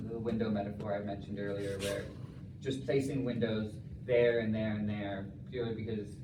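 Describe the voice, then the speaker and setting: A young man defending his thesis, answering examiners' questions in a hesitant, hedging way as he rephrases his points. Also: lowish voice. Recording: echoey room, distant mic, clear noise.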